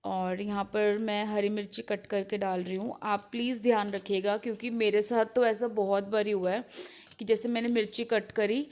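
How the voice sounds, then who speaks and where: A young woman vlogging at home in a relaxed, chatty way, sounding tired. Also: mid-range voice. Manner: soft, slow morning talk to keep others asleep. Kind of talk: casual vlog narration. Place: home kitchen. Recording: home video with noticeable noise.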